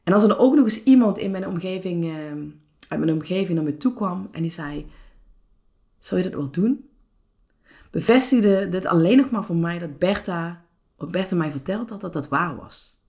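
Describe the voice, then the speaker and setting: A woman hosting a solo podcast as a personal coach, speaking calmly and reflectively with some hesitations. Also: lowish voice, moderate pace.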